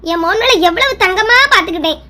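A woman's voice: very high voice, expressive, fast, sharp tone, exaggerated voice. A woman with a Kanyakumari Tamil accent playing a complaining mother-in-law who nags in a comedy skit. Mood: scolding. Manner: nagging and self-pitying. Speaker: skit performer.

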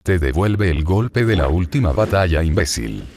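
A man's voice: sits low, expressive, moderate pace, no room sound. A man voicing a tormented young killer. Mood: harsh. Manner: bitter, anguished, cursing. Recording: voice over loud background music.

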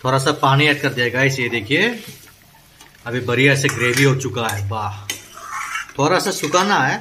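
A man with an Assamese accent cooks at home for his vlog and talks the viewer through each step with loud enthusiasm. His voice sits at an ordinary middle pitch, and a clear hiss of background noise runs under it. He keeps exclaiming about the smell and the taste. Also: normal speed. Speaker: cooking vlogger. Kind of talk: casual cooking vlog. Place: home kitchen. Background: food sizzling and frying.

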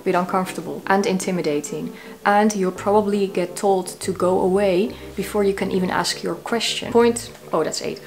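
A woman's voice: mid-range voice, steady tone, normal speed, creaky, darkish tone, soft background music. A woman in her thirties sharing tips to camera from a small cozy room, with a dry, self-mocking humor. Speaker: YouTube creator. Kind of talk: talking-head tips video.

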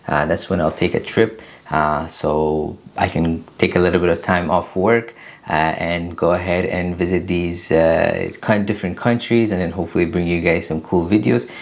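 A man in his thirties from Afghanistan, hosting his own channel and answering viewer questions in a casual, earnest way with many pauses. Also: sits low, fairly even intonation, gravelly. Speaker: YouTube channel host. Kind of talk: casual Q&A to camera. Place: small room indoors. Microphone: camera at desk distance, seated.

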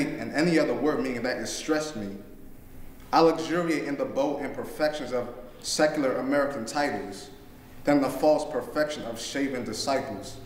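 A man's voice: mid-range voice, a little hiss or hum. A teenage boy reading his own spoken-word poem with a rhythmic, rhyming delivery in a classroom. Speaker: student poet. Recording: echoey room.

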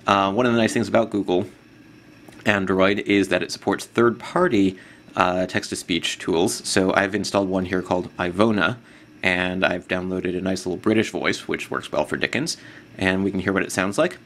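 A man giving a relaxed, casual product demo of an app, with plenty of fillers. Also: deep voice, normal speed, a little hiss or hum. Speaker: tech blogger demonstrating an app.

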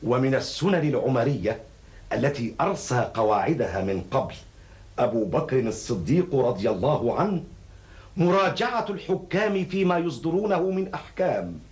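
A man's voice: mid-range voice, expressive, moderate pace, darkish tone, lightly acted. A middle-aged man playing an earnest, outspoken counsellor in a classical Arabic historical drama, speaking formally and with rhetorical emphasis. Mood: earnest, praising. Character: earnest, outspoken male counsellor questioning his caliph.

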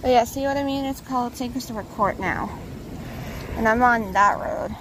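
A young vlogger walks outdoors along a suburban path, chatting casually into a phone held at arm's length and sounding slightly winded. Her voice is a little high and her pace normal, with background noise in the recording.

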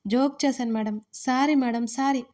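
Woman playing a playful young man, teasing, mock-pleading, fairly high voice, audio storybook. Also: fairly even intonation, moderate pace, a little mellow, lightly acted.

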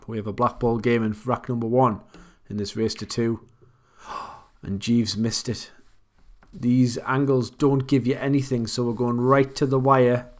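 A man's voice: mid-range voice, little pitch movement, a little slow. Man casually commentating pool. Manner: conversational, thinks aloud about shots. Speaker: commentator for online pool matches.

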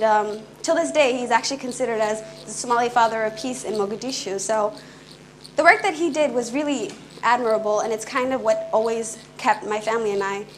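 A young woman who grew up in Canada gives an earnest, fluent public talk on stage in a small indoor room, speaking quickly with brief restarts. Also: on the high side, a little hiss or hum, rough recording. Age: young adult. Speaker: conference speaker.

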